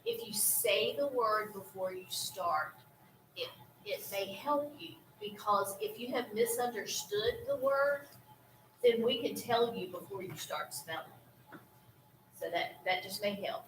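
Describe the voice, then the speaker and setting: Soft-spoken woman giving a gentle reminder. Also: mid-range voice, expressive, measured pace. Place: school room. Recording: echoey room from far off, faint noise.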